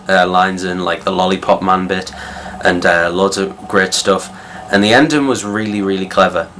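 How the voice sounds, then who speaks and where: A young man with a low, deep voice reviews a film in loose, casual talk. He rambles, circling back with plenty of fillers and false starts. A faint hiss sits under his voice. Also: a bit bright. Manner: rambling, many fillers and restarts. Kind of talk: casual spoken movie review.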